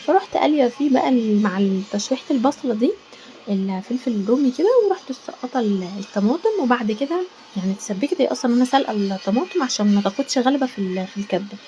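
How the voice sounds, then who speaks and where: Her voice is a little high, mellow and animated, racing along as she cooks in her home kitchen. She has an Egyptian accent and chats in a rambling manner with many pious asides, over slight background noise.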